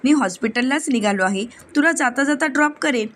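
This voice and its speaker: A woman's voice: high voice, expressive, brisk, a bit bright, a little hiss or hum, pitched above the performer's own voice. A woman voicing a caring young husband who is a doctor, in a plain read-aloud voice. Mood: insistent.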